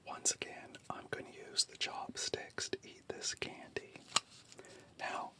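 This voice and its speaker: A person whispering throughout in an ASMR style, unhurried and musing hesitantly as a food-tasting host. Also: pushed and bright.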